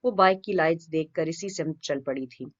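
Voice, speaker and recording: A woman reading a romance novel aloud as an audiobook narrator, steady and expressive. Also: deep voice. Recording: dull lo-fi recording.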